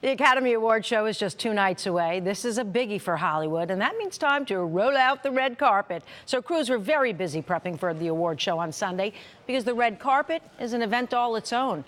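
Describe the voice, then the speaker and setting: A woman anchors TV news in a chatty, conversational style, addressing viewers directly. Her voice is medium-pitched with lively intonation and a slightly quick pace. She works as both a news anchor and a consumer reporter.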